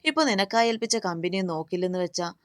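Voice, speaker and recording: A stern father lecturing his son, read by a woman. The tone is lecturing, the voice low, the recording close and dry. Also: animated, fast, a bit bright, no room sound.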